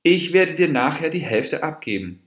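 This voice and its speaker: A man's voice: fairly high pitch, animated, normal speed, voice pushed up, lightly acted. A man voicing a wrathful, stubborn male mouse deer from a fable, speaking firmly and snapping. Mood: angry. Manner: angry, firm, snapping. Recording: roomy echo.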